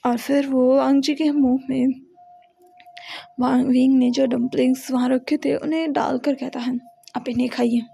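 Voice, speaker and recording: A woman narrating a romance story in a steady, explanatory way. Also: sits high, moderate pace, vocal fry, husky.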